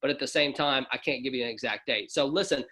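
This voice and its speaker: A man hosting an online promotional call, energetic and hyping up the audience. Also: mid-range voice, fast talker. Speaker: host of an online overview call.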